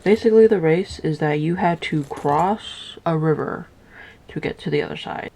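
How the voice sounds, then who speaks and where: A young woman casually retelling a story while building Legos, rambling with lots of filler words and high, playful voices for the characters. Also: normal speed, creaky, dark tone, slight background noise. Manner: rambling, filler-heavy, with "like" everywhere. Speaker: vlogger.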